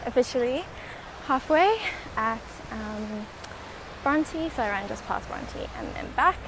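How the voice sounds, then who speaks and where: Croaky from having just woken up, a young vlogger talks casually to camera in a day-in-the-life video, upbeat and using lots of fillers. Her fairly high voice is expressive but slow. Background noise is clear in the echoey room.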